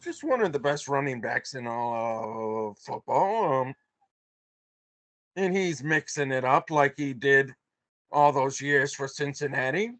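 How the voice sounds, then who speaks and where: A man's voice: medium pitch, lively intonation, a bit bright, no room sound. A man co-hosting a podcast, reading out game scores in casual chat. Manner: reads out scores, drawn-out joking. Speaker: podcast co-host.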